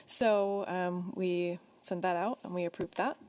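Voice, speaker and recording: Lower-pitched woman, councilmember, brisk, chatty. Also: steady tone, darkish tone. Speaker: city councilmember. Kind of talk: council report.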